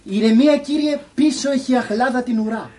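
A cheeky young suitor , played by a man speaks in a cool, teasing, even voice over faint background noise. He sounds unbothered. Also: extremely high pitch. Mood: cheeky calm.

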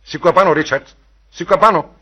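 A man reading a novel aloud, voicing a frantic young man who shouts for help. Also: deep voice, slightly rough, pitched below the performer's own voice.

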